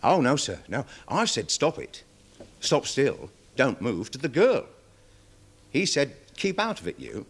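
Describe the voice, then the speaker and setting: An actor playing a nervous, deferential security guard testifying in a 1970s television courtroom drama, rambling with many fillers. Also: male voice, mid-range voice, wildly swooping pitch, measured pace, breathy edge, heavily acted. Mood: worried, defensive. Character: nervous security guard witness, dog handler. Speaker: witness in court.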